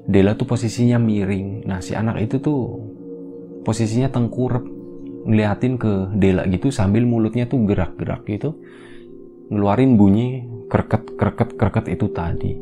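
A man casually retelling a horror story as a podcast storyteller, in a relaxed, rambling, conversational way. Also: fairly low pitch, moderate pace, over music.

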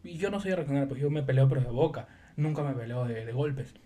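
A man's voice: mid-range voice, fast talker. A man co-hosting a casual podcast, telling stories and acting out what other people said. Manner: lively storyteller who acts out quoted speech. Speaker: podcast co-host.

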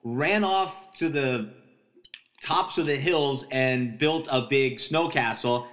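A man's voice: mid-range voice, slow pace, fairly bright tone. A man co-hosting a casual podcast chat about a film, wry, teasing and analytical. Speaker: podcast co-host.

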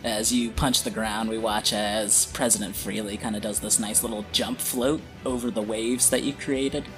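A man acting as game master, improvising scene narration for a tabletop game in a halting, drawn-out way. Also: lowish voice, steady tone. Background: guitar music.

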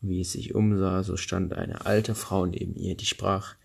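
A man narrating a fairy tale in a very deep, flat voice with a gravelly rasp. He reads steadily and without hurry, with a husky, breathy edge, fixing small slips as he goes. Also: moderate pace. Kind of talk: reading a fairy tale aloud.

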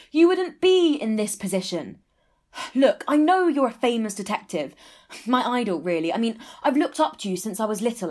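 A young woman playing an eager trainee detective, earnest and expressive, in a comic audio drama. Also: a little high. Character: eager, punning young female trainee detective, sensitive and forthright.

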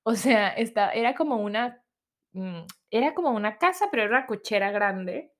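A woman's voice: fairly high pitch, moderate pace. A young woman with a Mexican accent, telling a personal story in casual, chatty storytelling. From Guadalajara, Mexico. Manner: chatty, animated, acts out quoted voices.

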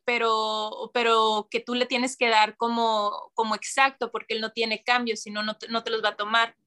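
A woman, casually telling a story as a guest and acting out voices. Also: fairly high pitch. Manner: animated, acts out voices, laughs often.

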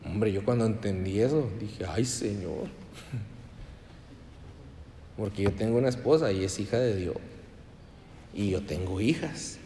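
A man preaching a sermon in a conversational way, full of rhetorical questions, swinging between loud calls and quiet asides. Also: on the low side, normal speed, roomy sound, long reverb tail, a little hiss or hum.

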